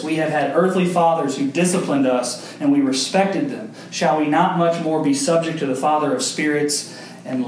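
A man's voice: on the high side, slight background noise. A young man preaching a sermon, speaking directly to his congregation and building in intensity. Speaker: pastor. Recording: echoey hall, mic far off.

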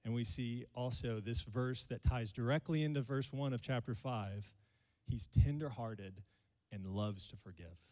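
A man's voice: medium pitch, measured pace, a little mellow, long reverb tail. A male pastor, preaching a sermon to his congregation and joking with them. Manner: playful, jokes with the congregation.

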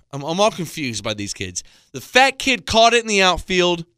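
A man in his thirties delivers a comic monologue into a microphone, rambling and exasperated. His pitch swings widely and his tone is bright and forward. The sound is dry and close, with no room around it. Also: big pitch swings, moderate pace, smooth, no room sound. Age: 30s. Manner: rambling, exasperated storytelling with self-mocking asides. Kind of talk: comedic monologue. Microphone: studio microphone.

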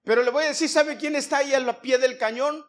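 A middle-aged pastor preaches with a fairly high voice. He is emphatic, repeats key words and keeps asking the congregation questions. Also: steady tone, brisk. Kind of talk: sermon. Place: church before a congregation.

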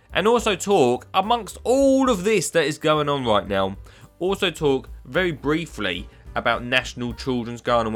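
A man's voice: mid-range voice, a bit bright. Upbeat male podcast host. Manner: upbeat and chatty with scattered ums. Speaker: podcast host, gardening educator. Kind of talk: casual podcast chat.

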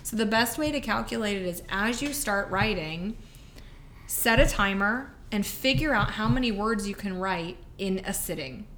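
A woman's voice: medium pitch, animated, moderate pace, a bit bright, a little hiss or hum. Candid woman podcast co-host. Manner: candid, punchy, laughing. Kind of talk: casual chat.

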